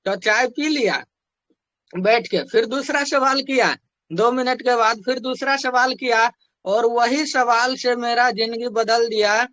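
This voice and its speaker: Young guy telling a sales success story, super high pitched, chatty and repetitive. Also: a little slow, bright, forceful tone, no room sound. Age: young adult. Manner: conversational, repeats phrases for emphasis. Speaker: network marketing distributor. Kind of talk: motivational storytelling.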